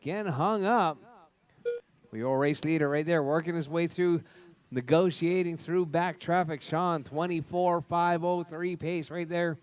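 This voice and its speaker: A man's voice: a little high, steady tone, a little slow, clean tone. A man giving live race commentary like a spotter, in repetitive clipped calls of running order and cautions. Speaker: race announcer.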